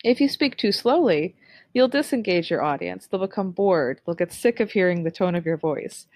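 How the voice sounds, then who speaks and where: A young adult woman giving an online lesson on public speaking, with a clear, upbeat instructional delivery. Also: fairly low pitch, lively intonation, normal speed, darkish tone, no echo.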